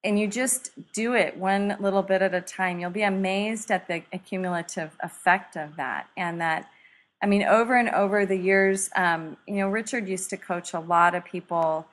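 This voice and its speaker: A woman's voice: medium pitch, moderate pace. A middle-aged woman author, guest in a conversation, telling a story and acting out quoted lines with laughter. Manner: animated, acts out quotes with laughter.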